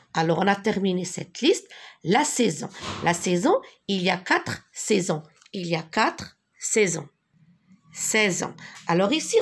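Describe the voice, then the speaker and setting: A woman teaching a French spelling lesson, patiently repeating each word slowly, with a few translations. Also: mid-range voice, slightly rough. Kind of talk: slow classroom lesson with repetitions.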